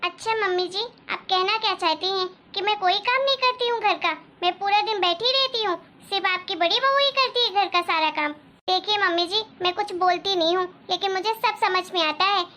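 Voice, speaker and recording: A sulky, sarcastic young daughter-in-law. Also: female voice, very high voice, brisk, sharp tone, slight background noise. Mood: resentful. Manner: sarcastic, complaining. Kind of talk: Hindi cartoon story dialogue.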